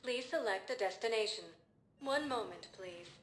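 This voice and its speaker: A woman voicing a calm female transit computer that makes polite, automated announcements in an even, soft-spoken manner, as game dialogue. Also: a little high, normal speed, slight background noise. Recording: roomy echo, from a distance.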